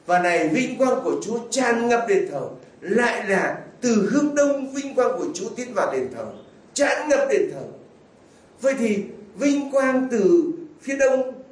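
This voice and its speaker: A man's voice: high-pitched, a little mellow. A man preaching a homily as a priest, telling stories in a folksy way and asking his listeners rhetorical questions. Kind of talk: sermon. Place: church. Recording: echoey church from far off.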